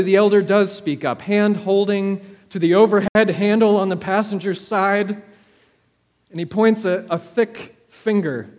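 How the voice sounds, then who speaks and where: This sermon comes from a man with a high voice, slightly mellow in tone, heard in a room with long, ringing reverb. Unhurried and deliberate like a storyteller, he uses dramatic pauses and repeats his phrases.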